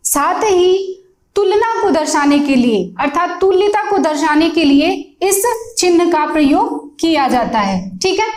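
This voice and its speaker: A woman teaching a grammar lesson, patiently explaining with examples and often pausing to check that you follow. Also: extremely high pitch, animated, roomy sound. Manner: patient, repeats points, often checks with "theek hai".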